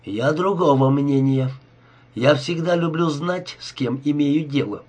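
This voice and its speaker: Sneering crook, ironic, husky, man reading in an audiobook. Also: on the high side, a little slow, a little mellow. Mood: scornful. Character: cold, scheming male crook, sarcastic.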